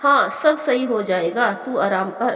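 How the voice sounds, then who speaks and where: A woman's voice: mid-range voice, lively intonation, a little slow, fairly bright tone. A woman voicing a caring young village man in a storybook tale, reassuring and anxious by turns, in an echoey room. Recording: echoey room with long reverb.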